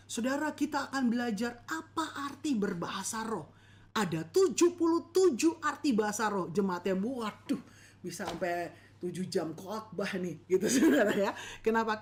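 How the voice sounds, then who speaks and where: Lady teaching a preaching class at church, animated, keeps getting the crowd to answer back. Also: medium pitch. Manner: lively, animated, calls on the audience.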